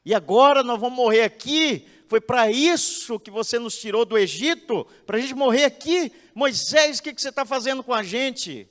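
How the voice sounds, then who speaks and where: A man voicing a panicked crowd of frightened people, crying out loudly and pleading. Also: very high-pitched, expressive, normal speed, few pauses, voice pushed up. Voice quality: loud pleading outcry. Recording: echoey church hall.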